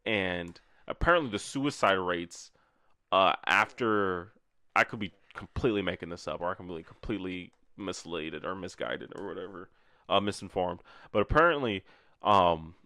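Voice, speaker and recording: A man's voice: sits low, normal speed, dry recording. A young man co-hosting an unscripted podcast, chatting casually, swearing often and breaking into laughter. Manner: animated, swearing, bursts of laughter. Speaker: podcast co-host.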